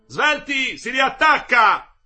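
A man's voice: medium pitch, animated, fairly quick, soft background music, natural voice. A man voicing a stern, brusque male foreman who barks orders. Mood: urgent. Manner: shouting orders.

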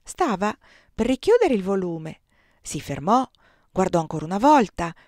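A woman narrates a novel in a measured, expressive reading. Her voice sits at a middle pitch, and the recording is dry and close, with no room sound. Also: no echo. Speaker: audiobook reader. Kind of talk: scripted narration.

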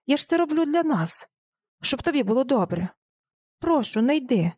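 A woman's voice: medium pitch, lively intonation, measured pace, a little mellow, slightly rough, dry recording. A woman reading the lines of an overworked husband in an audiobook, with a rising, pleading delivery.

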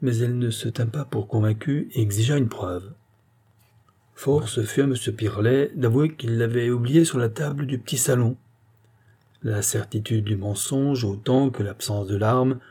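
Male story reader, measured dramatic narration, dark and husky. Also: medium pitch. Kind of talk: scripted narration of a short story.

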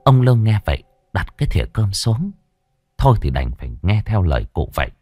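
Low-voiced, lively male storyteller. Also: brisk, no room sound. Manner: expressive, animated storytelling. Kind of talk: scripted story narration.

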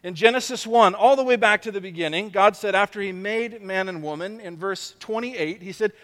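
Bright-voiced preacher in an echoing hall. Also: male voice, high voice, brisk. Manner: conversational, self-deprecating, many restarts. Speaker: pastor. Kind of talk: sermon. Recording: long hall reverb.

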